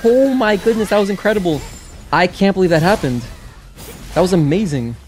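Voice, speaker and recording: This gaming livestreamer has a high, expressive, slightly mellow voice and talks briskly. He chats casually and ramblingly with his viewers, interrupting himself to react and respond, while game music plays.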